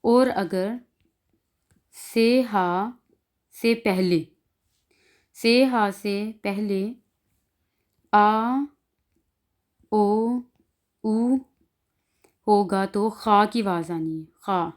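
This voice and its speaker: A woman with a Pakistani Urdu accent teaches pronunciation in an online class. She speaks very slowly in a mid-range voice and draws out each example sound, saying it again and again. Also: mid-range voice. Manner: slow, drawn-out, repeating each example sound. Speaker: language teacher.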